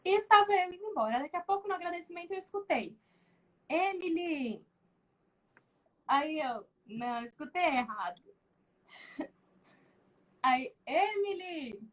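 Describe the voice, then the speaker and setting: High-pitched paulista woman chatting, lively storyteller, laughs a lot. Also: moderate pace, long pauses, low-quality recording. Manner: animated, acts out quoted voices, laughs often. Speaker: guest, journalist. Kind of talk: casual storytelling chat.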